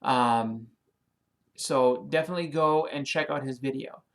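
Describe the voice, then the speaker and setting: A comic and movie YouTuber with a Boston accent rambles through a casual vlog in a medium-pitched voice at a measured pace. He's friendly and apologetic, thanking new subscribers and filling his speech with ums and you-knows.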